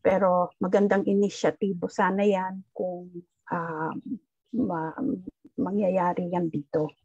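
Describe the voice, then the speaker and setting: A woman's voice: lowish voice, little pitch movement, takes it slowly, a little mellow, husky, no room sound, highs cut off. A woman from the Philippines, a former teacher, answering audience questions in an online forum and switching between Tagalog and English as she thinks aloud. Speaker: guest speaker, former teacher.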